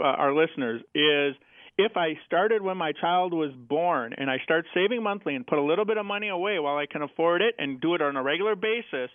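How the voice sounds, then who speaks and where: Through a thin, phone-like radio sound comes an American man with a fairly high voice. He explains things in plain words as an interview guest, using examples and rhetorical questions. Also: no echo. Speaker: financial advisor, show guest.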